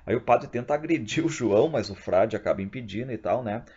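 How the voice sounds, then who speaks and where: A male literature teacher giving a video lesson, retelling a play and reading the characters' lines in lively voices. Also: medium pitch, fairly quick, breathy edge. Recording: dull, lo-fi recording.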